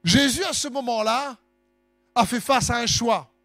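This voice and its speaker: High-voiced impassioned male preacher. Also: measured pace, a bit bright, dry recording, clean studio sound, faint music behind. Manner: impassioned, sing-song preaching with swelling emphasis. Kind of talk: sermon.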